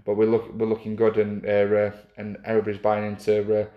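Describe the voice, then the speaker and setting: Man, low-voiced club official, halting and rambly, roomy sound. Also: completely flat delivery, muffled recording. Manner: rambling, halting with many fillers and restarts. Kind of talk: casual chat.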